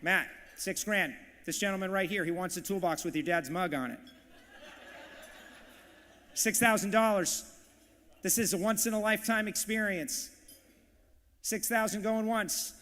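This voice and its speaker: A man working as auctioneer and emcee at a live charity event, calling bids in a rapid, punchy, hyped way. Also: high voice, bright, forceful tone, big-room sound. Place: large banquet hall, live audience.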